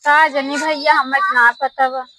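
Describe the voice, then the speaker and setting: A woman's voice: high voice, level tone, a little slow, bright, forceful tone, no echo. A woman playing a drunkard's fed-up village wife in a comedy sketch, complaining with an Awadhi accent. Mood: exasperated. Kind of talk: rural comedy sketch acting.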